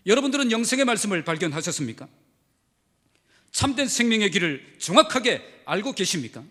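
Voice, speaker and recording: A man preaching a sermon as pastor, his voice set high and swinging widely in pitch. He presses his points with emphatic rhetorical questions to the congregation. The sound is bright and carries a long reverberant tail, as in a church sanctuary. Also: big pitch swings, fairly quick.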